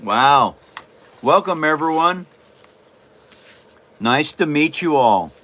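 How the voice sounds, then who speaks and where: A man's voice: a little high, animated, takes it slowly, a bit bright. A man from Washington State hosting a casual livestream while he builds a paper model, folksy and rambling with frequent chuckles. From Washington State, USA.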